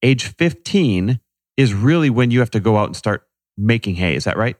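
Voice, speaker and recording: A man's voice: fairly low pitch, animated, normal speed, a little mellow, no echo, clean studio sound. A man hosting a casual interview, informally recapping and prompting his guest with questions. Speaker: interview host.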